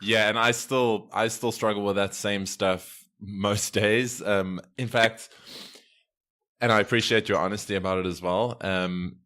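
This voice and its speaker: A man in his twenties hosting a casual podcast interview, relaxed and hesitant with many ums. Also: fairly low pitch, measured pace. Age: 20s. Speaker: podcast host.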